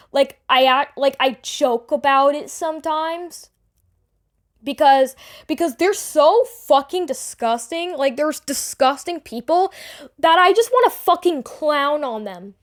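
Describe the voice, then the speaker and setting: A woman giving an unscripted, defensive personal explanation to an online audience, rambling and halting with repeated words and casual swearing. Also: high voice. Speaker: online creator addressing the audience. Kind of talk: unscripted personal apology and self-defence video.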